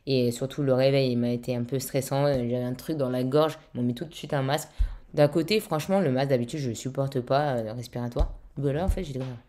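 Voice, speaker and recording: Low, dark-voiced French woman vlogging. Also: steady tone, fast talker. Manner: chatty, swears casually, many fillers. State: throat slightly weak after intubation. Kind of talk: casual vlog chat.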